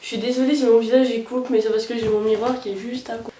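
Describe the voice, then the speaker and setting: A woman's voice: a little high, flat delivery, fast talker, dark tone, far from the mic, a little hiss or hum. A young woman talking through her makeup routine in a casual, hesitant way, with many fillers. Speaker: beauty vlogger. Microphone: camera mic at a distance. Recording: roomy sound, camera set back.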